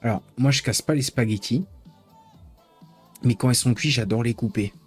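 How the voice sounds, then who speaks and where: A man's voice: mid-range voice, normal speed, a little mellow, breathy edge, soft background music. A man chatting casually with his live-stream viewers, rambling and joking as he teases the chat.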